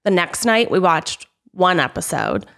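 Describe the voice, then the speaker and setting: Woman podcast co-host, casual chat, very lively pitch, laughs a lot. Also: measured pace, creaky. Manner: animated, laughs often between phrases.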